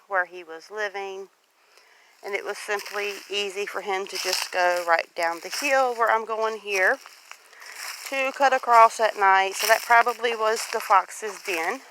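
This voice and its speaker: A homestead vlogger from Louisiana, with a medium-pitched voice and a Southern US accent, chats in a folksy way while walking outdoors on her rural homestead, explaining things as she films. Her handheld phone picks up faint outdoor noise.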